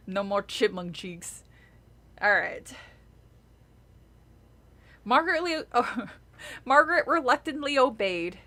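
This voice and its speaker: Reading a children's horror book on a relaxed stream, the young woman sounds sing-song and slow, leaving long pauses, her high-ish voice pushed and bright. She chats and giggles between passages, her voice a bit groggy from a full day of talking.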